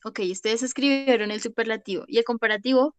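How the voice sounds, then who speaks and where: Young teacher, higher voice, dry close mic, patient, keeps checking in. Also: female voice, fairly even intonation, fast, dry recording. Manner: patient, repeats "¿listo?" to check understanding. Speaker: English teacher. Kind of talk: online class lesson.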